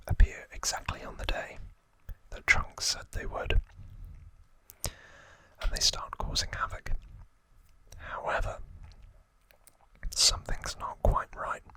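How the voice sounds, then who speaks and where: Breathy and hushed yet very bright and crisp, a man's ASMR whisper guides the listener through a trivia retelling that feels scripted, sprinkled with asides. He's slow and deliberate, leaving gaps between brief phrases.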